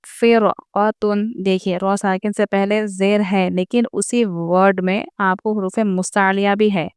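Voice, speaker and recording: A woman teaching a recitation lesson online. She explains each rule patiently, speaks straight to her viewers, and slows down to sound out example words. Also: medium pitch, steady tone, darkish tone, clean tone, no echo, studio quality. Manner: patient step-by-step explaining, repeating each point; addresses viewers directly.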